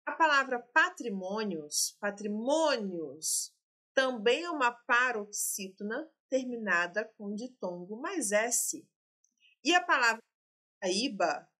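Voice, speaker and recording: A woman with a mid-range, sharp-toned voice teaches by working through exam questions. She explains as she goes and speaks directly to her students.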